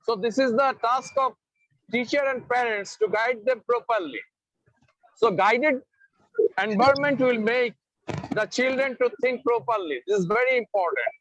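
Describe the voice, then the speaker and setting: A man's voice: very high-pitched, normal speed, fairly bright tone, no echo, muffled recording. A man, an educator on a video call panel, speaking earnestly and giving advice through an example. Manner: earnest, advising tone, tells an example story.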